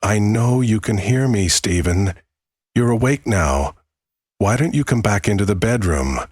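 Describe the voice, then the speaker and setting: A man performs a demonic, witch-like woman from a horror story, gravelly and rough-edged. The delivery is slow and taunting, full of menace, lifted above the narrator's usual low register, and recorded very dry. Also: lively intonation, darkish tone, dry recording.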